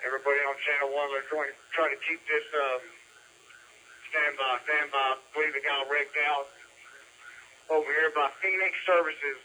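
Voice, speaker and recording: A man working as a police officer on a two-way police radio, calling out codes in brisk, clipped procedural talk. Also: a little high, fairly even intonation, bright, forceful tone, poor audio. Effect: police two-way radio transmission.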